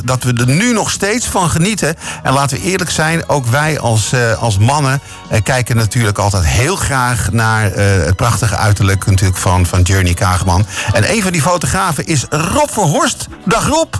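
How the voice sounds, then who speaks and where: A middle-aged or older man casually presenting and interviewing as a radio host. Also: medium pitch.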